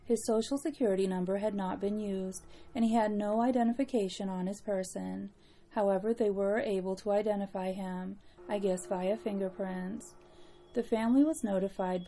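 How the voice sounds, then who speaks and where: A woman narrating a scripted spooky story as a horror host, in a measured, deliberate storytelling manner. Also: mid-range voice, gravelly, warm tone.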